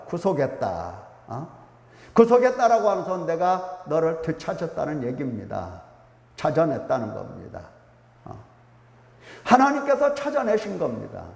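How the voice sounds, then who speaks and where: A man preaching a sermon as pastor, animated, rising to emphatic peaks and dropping to quiet asides. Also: fairly high pitch, creaky, reverberant, big-room sound. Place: church sanctuary.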